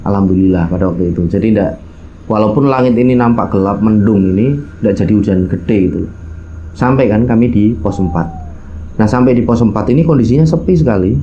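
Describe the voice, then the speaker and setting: The recording is muffled with a bit of background noise as a medium-pitched man with a Javanese accent shares a personal mountain-hiking tale. Chatty and informal, he speaks to his listeners, voices the dialogue, and sprinkles in local words.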